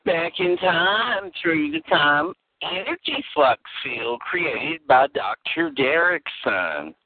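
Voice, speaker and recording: Sweet sing-song kiddie-show aunt played by a man, high and swooping, tinny phone-like sound. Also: sing-song, slow, no room sound, exaggerated voice. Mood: sugary. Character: chirpy aunt-like teacher on a kids' show. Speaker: children's history-lesson host. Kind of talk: comedic kids' show parody.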